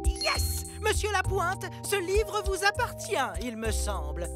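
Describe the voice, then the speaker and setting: Earnest young cartoon boy, very high pitch, swooping delivery, music behind. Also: huge pitch swings, slow pace, exaggerated voice. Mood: proud, earnest. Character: earnest, excitable young boy, bookish and dutiful. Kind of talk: cartoon dub acting.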